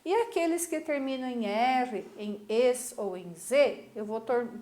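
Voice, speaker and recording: A woman's voice: fairly high pitch, unhurried, mellow. A woman teacher with a Brazilian Portuguese accent, explaining grammar patiently step by step and often checking in with the class. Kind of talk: recorded school lesson.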